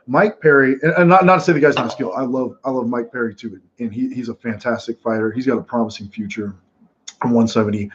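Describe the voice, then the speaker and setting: A man hosting casual live fight commentary from home, telling stories in a rambling, animated way with many restarts. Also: medium pitch, fast talker. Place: home room watching fights. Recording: dull lo-fi sound.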